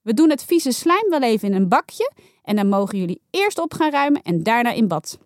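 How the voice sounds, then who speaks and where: A woman's voice: a little high, sing-song, a little fast, dry recording, clean studio sound. A woman voicing a firm, weary mother who speaks sternly but patiently.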